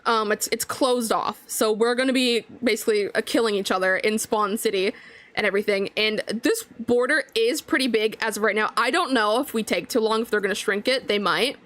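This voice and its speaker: A woman's voice: fairly high pitch, brisk, a bit bright. A woman casually explaining a Minecraft challenge as she plays, chatty, with many fillers. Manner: chatty, filler-heavy, laughs between phrases. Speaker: Minecraft server player. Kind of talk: casual gaming commentary.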